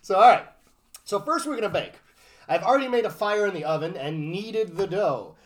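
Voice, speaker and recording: A man with a notably high voice reads a fairy tale aloud for a podcast. He breaks off into joking asides and keeps the tone casual and easygoing. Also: lively intonation, moderate pace. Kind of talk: casual storytelling with banter.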